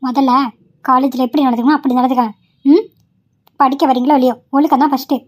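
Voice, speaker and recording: A woman's voice: sits high, steady tone, fast talker, pitched below the performer's own voice. A woman putting on the voice of a strict female college teacher who scolds two late students. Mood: stern. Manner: stern, scolding.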